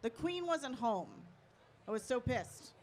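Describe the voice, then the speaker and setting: A woman's voice: fairly high pitch, expressive, slow, a little mellow, slight background noise. A woman interviewing a band at a festival, chatty and giggly, full of fillers.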